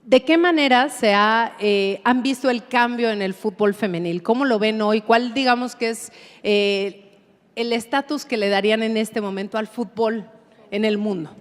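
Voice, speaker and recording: A middle-aged Mexican woman moderates a panel on a stage, talking with eager, chatty warmth and plenty of filler sounds. Her voice sits fairly high, and it rings out with the long reverb of a large hall. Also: normal speed. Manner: enthusiastic, chatty with many fillers.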